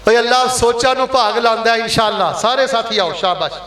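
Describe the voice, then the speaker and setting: A man's voice: very high voice, normal speed, pushed and bright, echoey room. A man with a Punjabi accent leading a mosque fundraising appeal during a Friday sermon, coaxing and blessing the congregation.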